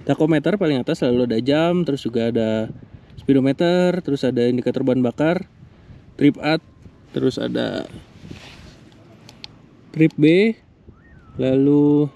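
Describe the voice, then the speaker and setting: A man casually walking through a motorcycle's features and narrating a touring trip outdoors, explaining in a relaxed way with small fillers. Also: medium pitch. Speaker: motorcycle reviewer. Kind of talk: casual moto review and touring vlog. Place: outdoors beside roads. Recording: outdoor recording with loud road noise. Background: loud traffic and engine noise.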